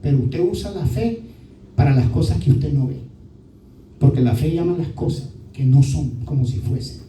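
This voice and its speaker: A male pastor preaches a sermon and keeps checking in with his listeners through short tag questions. His voice is dark and mellow. It echoes around a roomy hall from a distant mic, with faint noise behind. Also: a little high, animated, normal speed. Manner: often adds "¿verdad?" as a tag question.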